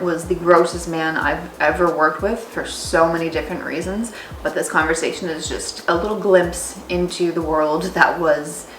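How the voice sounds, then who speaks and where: A woman's voice: fairly low pitch, a bit bright. A woman hosting a casual storytelling vlog, informal and sweary, playing both parts in re-enacted conversations. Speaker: video host and tradeswoman. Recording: roomy echo, faint music.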